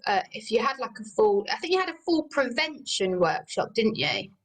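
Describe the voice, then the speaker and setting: A woman with a fairly high voice instructs an exercise class over a video call. Her manner is informal and encouraging. She sounds some distance from the microphone in a very roomy space. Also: very animated, normal speed. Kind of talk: leading an online group exercise class. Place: indoor room, video call. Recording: roomy echo, far from the mic.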